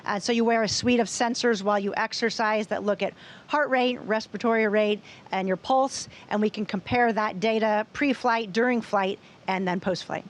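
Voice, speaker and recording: A woman's voice: medium pitch, fairly even intonation, moderate pace. A woman speaking as an astronaut, giving explanatory interview answers. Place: inside a space station.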